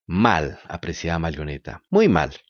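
A man's voice: sits low, wildly swooping pitch, a little slow, dry recording, muffled recording, voice pushed down, exaggerated voice. A man voicing a stern farmer who bargains bluntly, in a storybook reading. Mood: bargaining. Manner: blunt and businesslike.

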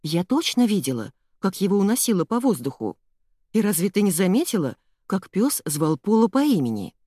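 An insistent aunt who protests and won't back down, as a woman puts her on in a storybook reading. Her voice rises and falls in lively swings, with a dry, close sound. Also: mid-range voice, normal speed, dry recording.

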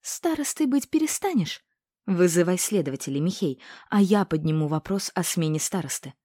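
Fierce, bossy witch, woman reader voicing her sharp and commanding, in a dry, warm-toned read. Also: on the low side, expressive, moderate pace, no echo.

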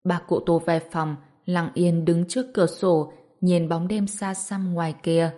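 A woman narrating a storybook in a calm, steady reading voice. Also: lowish voice, unhurried.

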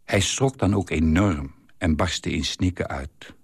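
A man reading a short story aloud in a calm, measured, wry way. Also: deep voice, breathy edge, dry recording.

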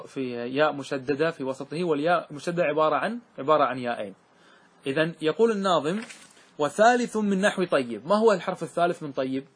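A middle-aged male scholar leads a grammar lesson in a somewhat high, husky voice. He keeps quizzing his students and repeats example words, drawing them out slowly. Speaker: religious scholar teaching grammar. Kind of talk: classroom lesson with questions to students.

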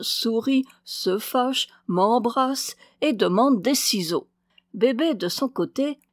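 A woman reading a classic novel aloud as an audiobook, tender and expressive. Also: mid-range voice, no echo, clean studio sound. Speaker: audiobook reader.

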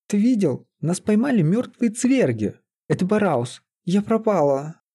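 Shrill hot-tempered young woman, as a man puts her on. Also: wildly swooping pitch, moderate pace, mellow, breathy edge, heavily acted. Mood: frightened. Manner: shrill, hysterical.

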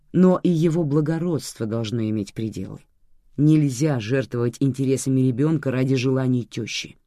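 A storyteller reading a family drama in expressive scripted narration. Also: medium pitch, no echo, studio quality.

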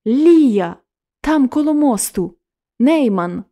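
A woman voicing a timid, shy young girl in a storybook reading, speaking softly and pleadingly. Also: a little high, animated, slow pace, voice pushed up. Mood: alarmed.

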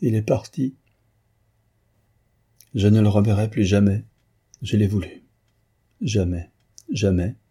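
A man's voice: fairly low pitch, slow, pauses often, dark tone, slightly rough. A man voicing a proud, trembling young wife. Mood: despairing. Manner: dignified, commanding, trembling with emotion. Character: young married woman, proud and distraught. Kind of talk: audiobook reading.

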